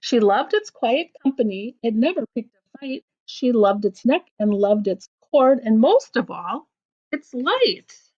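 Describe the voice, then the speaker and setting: Reading rhymes to children in a teacher's style, a woman whose voice is on the high side sounds expressive and deliberate, with a sing-song storytelling delivery. The audio is dull and lo-fi.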